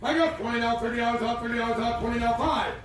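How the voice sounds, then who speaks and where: A man working as an auctioneer, calling bids in a rapid, repetitive chant and urging buyers on in a folksy way. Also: extremely high pitch, steady tone. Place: live auction sale, off the mic. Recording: distant, echoey, clearly noisy live auction.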